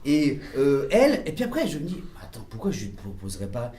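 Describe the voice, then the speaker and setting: A man directing a film, telling animated anecdotes at a press conference, mimicking voices and laughing often. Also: medium pitch, a little fast, roomy sound.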